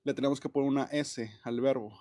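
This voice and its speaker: A man's voice: medium pitch, steady tone, fast, mellow. A man teaching English grammar in a casual, chatty way, full of fillers and restarts. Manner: chatty, many fillers and restarts, laughs often. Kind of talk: casual classroom explanation.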